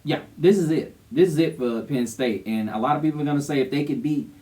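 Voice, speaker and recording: A man's voice: fairly high pitch, quick pace, mellow, far from the mic. A man co-hosting a sports show, giving casual, emphatic, opinionated commentary. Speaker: co-host of a college football show.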